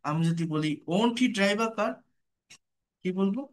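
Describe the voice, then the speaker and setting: A man with a Bengali accent teaching English grammar, speaking slowly and patiently and repeating example sentences. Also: high-pitched. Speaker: English tutor. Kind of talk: spoken grammar lesson.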